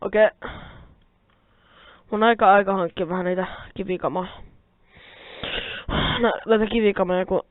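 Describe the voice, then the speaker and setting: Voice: mid-range voice, fairly even intonation, pauses often, no echo. Rambling gamer on a tinny mic. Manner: swears a lot, grumbles at the game; rambling, self-talking, addresses viewers. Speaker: Minecraft let's player. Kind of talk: casual gameplay commentary. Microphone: quiet mic held close. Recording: tinny phone-like mic, dry.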